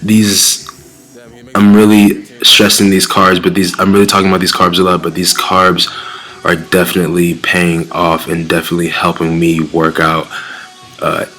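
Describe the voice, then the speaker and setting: Low-pitched and sharp-toned, this young Nigerian-accented fitness vlogger chats earnestly and casually to camera. When searching for a word, he tends to repeat the one before it.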